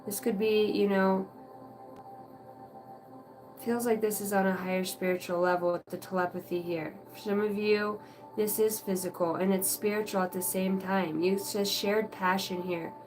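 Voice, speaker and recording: A woman's voice: medium pitch, fairly even intonation, normal speed, a little mellow. A woman doing a live tarot reading for viewers, talking casually with lots of fillers and the odd swear word, over faint music. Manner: casual, rambling, many fillers and mild swearing. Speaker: tarot reader.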